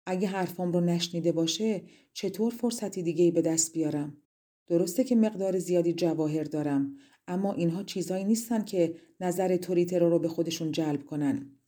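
A gentle, sorrowful young queen from a storybook, as a woman reader puts her on, soft and pleading. The voice is low and mellow, hushed below the narration. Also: natural voice. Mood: worried.

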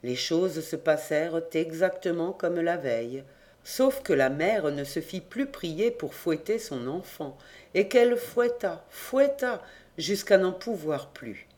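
An audiobook reader narrating a literary tale at a slow, even storytelling pace. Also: medium pitch.

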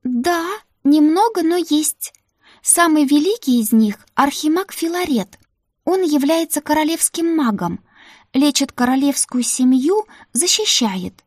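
A woman voicing a young, timid and anxious maid girl, speaking in a high, soft, fretful voice. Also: animated, unhurried, no echo, studio quality. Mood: chatty.

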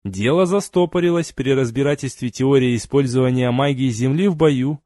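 A man's voice: mid-range voice, moderate pace, mellow, no room sound, studio quality. A man narrating a fantasy audiobook in first person, with wry, colloquial storytelling and slang.

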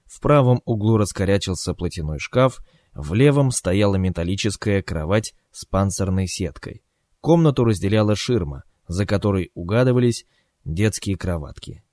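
A man's voice: low voice, lively intonation, normal speed, darkish tone, no echo, clean studio sound. Man reading an ironic story aloud. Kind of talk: audiobook narration.

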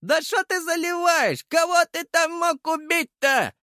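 A shrill, squealing village aunt with a theatrical streak in an audiobook. The voice is pushed very high and moves widely. It is dry and close. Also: male voice, expressive, measured pace, pushed and bright, no room sound, heavily acted. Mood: scoffing.

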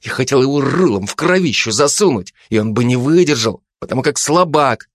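A man voicing a brash, domineering female police investigator with a loud, scolding manner in an audiobook. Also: mid-range voice, expressive, brisk, no room sound, clean studio sound. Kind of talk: audiobook character voice.

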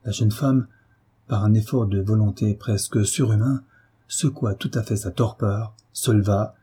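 A man narrating a classic novel as an audiobook, measured and even. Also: lowish voice, husky.

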